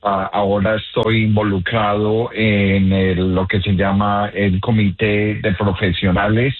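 Husky Colombian man on a phone line. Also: on the low side, flat delivery, a little slow. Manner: earnest, explains step by step with many fillers. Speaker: real estate agent guest. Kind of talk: radio call-in talk.

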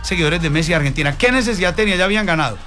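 A man's voice: high voice, racing, faint music behind. A man hosting a sports radio show, animatedly quizzing his co-hosts in casual debate. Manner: animated, quizzing co-hosts, reads sponsor promo.

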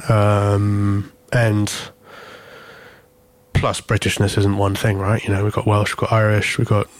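Speaking in a lowish, monotone voice at an unhurried pace, this Corfu-born singer in his thirties answers interview questions reflectively. His English, learned partly from his English mother, has a light Greek influence, and he frequently gropes for words amid fillers and restarts. The recording is dry.

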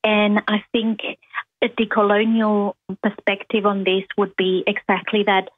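A woman from Argentina, a native Spanish speaker and university lecturer, answering interview questions slowly and thoughtfully, with many ums and restarts. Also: medium pitch, completely flat delivery, no room sound. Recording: tinny phone line, dry.

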